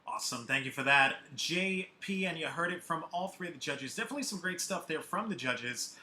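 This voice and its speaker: An upbeat male host runs a live online music competition. He talks fast, in a bright, forceful voice, and keeps the show moving as he brings on judges and artists over a video call. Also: a little high, animated. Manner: upbeat, quick announcer delivery.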